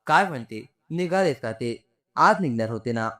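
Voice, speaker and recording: A man voicing a gentle, consoling old mother. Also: medium pitch, animated, moderate pace, close to an everyday voice. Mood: puzzled. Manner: soothing, affectionate.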